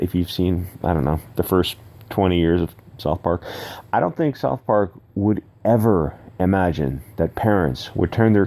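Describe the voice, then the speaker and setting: Low, dark-voiced man rambling sarcastically. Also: gravelly. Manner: rambling and sarcastic, with frequent hesitations. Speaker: channel host. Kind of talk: casual solo commentary.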